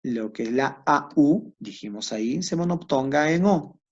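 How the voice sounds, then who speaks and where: Teaching a classroom lecture, a man speaks a little slowly in a slightly high, somewhat raspy voice whose pitch rises and falls a lot. He addresses students directly and often poses a question aloud before answering it himself, and the recording sounds dull and lo-fi.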